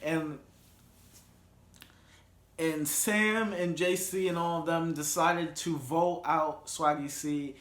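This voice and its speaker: Vlog host, male, slow-talking, slightly high voice, rambles and restarts, roomy echo. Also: steady tone, a bit bright. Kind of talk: casual sports and reality-show commentary.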